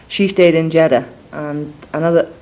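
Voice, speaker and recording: A woman's voice: sits low, fairly even intonation, moderate pace, darkish tone, rough recording. A young woman with a mixed Scouse and Scottish accent, rambling through a spoken cassette letter to family, full of ums and asides, recorded indoors on a cassette recorder. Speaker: letter writer. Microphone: cassette or dictaphone recorder.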